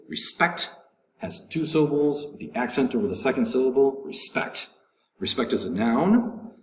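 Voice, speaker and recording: A man teaching English vocabulary, slowly repeating words and stressing syllables, with frequent ums. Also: mid-range voice. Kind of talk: vocabulary lesson recording. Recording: echoey room with faint noise.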